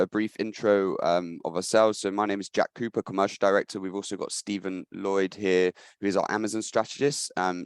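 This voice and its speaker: A man's voice: low voice, clean tone, no room sound, clean studio sound. A man presenting a business webinar on a call, his voice slightly scratchy, with frequent ums and restarts. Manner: hesitant, many ums and restarts. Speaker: webinar presenter, agency director.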